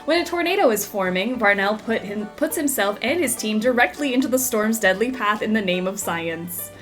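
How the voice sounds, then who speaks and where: A woman's voice: mid-range voice, animated, normal speed, faint music behind. A woman giving playful, casual game commentary and reading on-screen text aloud. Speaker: game streamer.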